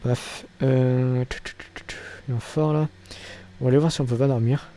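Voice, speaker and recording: Mellow-voiced young man rambling through a game. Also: medium pitch, fairly even intonation, a little fast, a little hiss or hum. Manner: rambling, swears often, trails off with "bref". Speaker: gaming channel host. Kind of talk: casual let's-play commentary.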